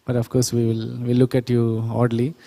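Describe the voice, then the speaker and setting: A man's voice: mid-range voice, monotone, normal speed, dark tone, big-room sound. A man giving a workshop lecture on sound engineering, explaining step by step, correcting himself and quizzing the audience. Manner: explanatory, self-correcting, asks the audience questions. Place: church hall or auditorium.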